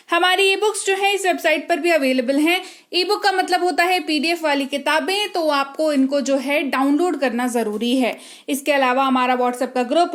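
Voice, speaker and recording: A woman teaching an English reading lesson, spelling words out letter by letter and often checking in with quick questions. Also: high voice. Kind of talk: classroom-style lesson.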